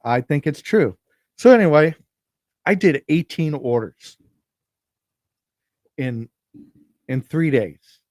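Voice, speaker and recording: On a phone mic, a podcast host rambles through a casual solo livestream, often going back to repeat or restart what he's saying. His mid-range voice is slightly mellow. The clean studio recording has no room sound.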